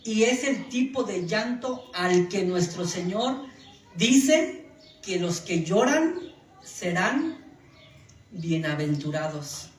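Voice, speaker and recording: A man's voice: sits high, expressive, slow pace, slight background noise. A male pastor preaching a sermon to his congregation. He uses rhetorical questions and acts out short quotes. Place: church hall. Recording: echoey room mic from far off, faint ambience.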